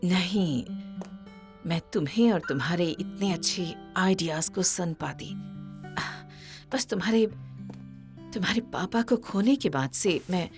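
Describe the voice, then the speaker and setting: Older mom, low voice, halting and heartfelt, guitar music behind. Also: female voice, expressive. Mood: remorseful. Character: widowed mother and magazine head, proud but remorseful. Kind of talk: Hindi movie dub. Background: background music.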